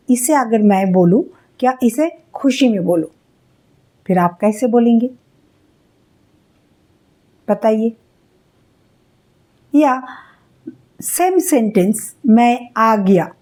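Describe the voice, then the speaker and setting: A woman's voice: fairly high pitch, mellow. A woman teaching singing, patiently explaining how to put emotion into the voice and demonstrating it aloud. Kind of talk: music lesson on expressing emotion.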